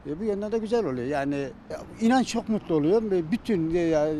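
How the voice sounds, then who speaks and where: A middle-aged man from Turkey answering informally in an interview, halting and often stumbling over his words. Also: high voice, expressive, dark tone. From Çorum, Turkey. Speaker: interviewee, simit seller and retired civil servant. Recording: faint outdoor street noise.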